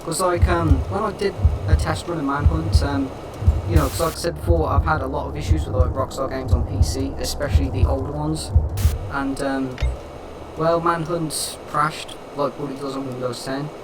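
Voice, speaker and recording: A man's voice: fairly high pitch, fairly even intonation, normal speed. A young man streaming a game in casual, rambling commentary, his voice half robotic and doubled because his mic is captured twice. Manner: rambling, filler-heavy chatter. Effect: half-robotic, doubled voice from the mic being captured twice. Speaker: gaming streamer. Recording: distant mic with loud background noise.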